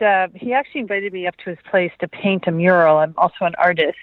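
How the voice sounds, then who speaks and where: A woman scientist telling her story as a guest in an interview, thoughtful, with pauses and hesitations. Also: on the low side, no room sound. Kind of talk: remote interview. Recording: tinny phone line, dry.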